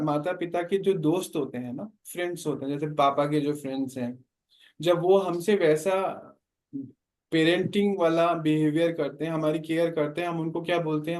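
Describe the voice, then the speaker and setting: A man's voice: on the high side, a little mellow. A man teaching a spiritual class, explaining and often asking his listeners questions.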